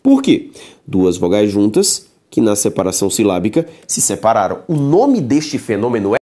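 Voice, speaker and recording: A man's voice: lowish voice, big pitch swings, normal speed, mellow. A man teaching a recorded grammar lecture, emphatic, keeps checking in with the listener and spells words out syllable by syllable.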